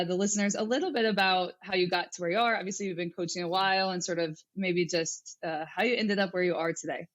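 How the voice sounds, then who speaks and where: A woman hosting a podcast, chatting in an upbeat, loose way with plenty of fillers. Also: lowish voice. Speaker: podcast host. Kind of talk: casual interview.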